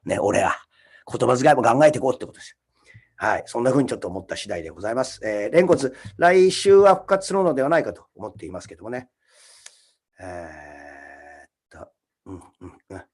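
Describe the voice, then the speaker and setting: A man hosting his own livestream alone, talking casually, ranting with rough scolding asides and reading out viewer comments. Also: medium pitch, lively intonation, fast talker, darkish tone. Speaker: comedian hosting a solo livestream.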